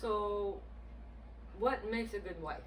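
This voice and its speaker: A woman's voice: medium pitch, slow. A woman interviewing her husband in a casual, chatty way. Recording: distant mic, noisy room ambience.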